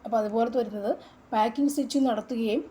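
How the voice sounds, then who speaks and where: A woman's voice: fairly high pitch, fast, warm tone, slight background noise. A woman with a Malayali accent who coaches students for exams, going through test questions in a casual way and saying each answer several times. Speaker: exam coaching teacher. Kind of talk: casual exam-question walkthrough.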